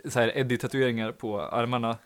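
A man's voice: mid-range voice, fairly even intonation. Young male podcast host, rambling anecdote, fillers galore, mid-range voice. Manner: rambling, filler-heavy, laughs at own story. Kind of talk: casual anecdote telling.

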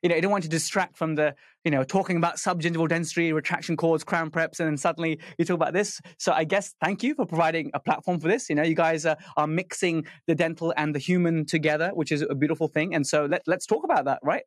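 A man's voice: a little high, fairly even intonation, quick pace, no room sound, studio quality. A man, a dentist talking as a podcast guest, fluent but full of fillers and restarts. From United Kingdom. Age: 30s. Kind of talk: casual podcast conversation.

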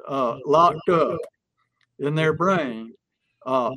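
A man talks through a point in a relaxed, folksy way, building little stories and acting out lines to make it land. His voice sits a little high, and the recording is close and dry with almost no room sound. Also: drawn-out words, no echo. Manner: folksy, illustrates with stories and acted examples. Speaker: sales and persuasion speaker. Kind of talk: conversational teaching chat.

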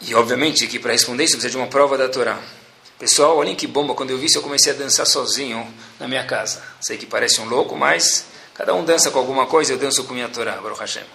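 A man's voice: mid-range voice, quick pace, creaky, slight background noise. A man giving a storytelling religious lesson, acting out the voices in the stories he tells. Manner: animated storyteller acting out quotes. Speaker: religious teacher.

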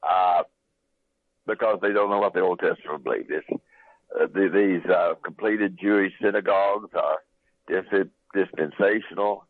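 A man's voice: sits low, fairly even intonation, unhurried, husky, dry recording. A man, a pastor guesting on a call-in radio show, telling stories emphatically with some uh fillers, heard over the phone. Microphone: telephone. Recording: tinny phone line.

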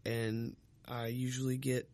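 A man's voice: mid-range voice, flat delivery, a little slow, a little mellow. A man in casual profane chat, rambling with lots of fillers and swearing.

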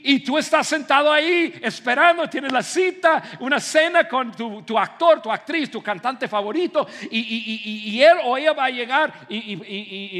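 A man preaching a sermon in an auditorium, animated and acting out little scenes, often repeating words as he stumbles. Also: high-pitched. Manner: animated, acts out scenes, frequent stammered repeats. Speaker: pastor. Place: large auditorium. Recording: reverberant hall.

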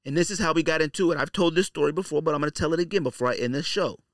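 This podcast host talks very fast in a slightly high voice, recorded at studio quality with no room sound. His monologue is casual and opinionated, blunt and slangy, and he repeats phrases to hammer points home.

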